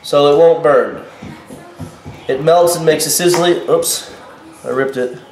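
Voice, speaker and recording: Slightly high but darkish in tone, a cold-stricken man in his thirties speaks unhurriedly yet indignantly, warning his audience in a casual home vlog. He's filmed in an echoey kitchen with faint noise, the camera mic just a short distance away.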